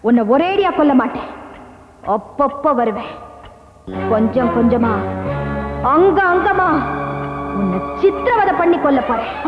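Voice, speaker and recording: An actress playing a young daughter-in-law possessed by a vengeful ghost, speaking in a menacing, insistent way. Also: female voice, high voice, big pitch swings, measured pace, long pauses, reverberant. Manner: sweetly insistent, turning menacing. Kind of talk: Tamil film acting. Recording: film soundtrack with loud music.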